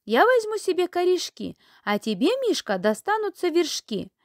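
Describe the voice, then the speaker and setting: A woman's voice: very high voice, sing-song, normal speed, dry recording, clean studio sound, full character voice. A woman voicing a crafty, agreeable male peasant from a children's folk tale, in a coaxing way.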